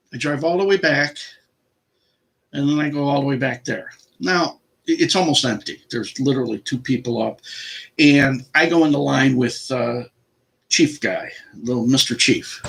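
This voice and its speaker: A man's voice: medium pitch, moderate pace, vocal fry, fairly bright tone, low-quality recording. A middle-aged man telling a story in a casual, indignant rant and acting out both sides of the argument.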